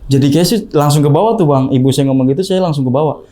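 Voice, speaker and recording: Young guy, mellow low voice, tells a spooky story all lively. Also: quick pace. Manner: animated, acts out the quoted voices with rising pitch. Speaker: guest storyteller. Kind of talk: casual spoken ghost story.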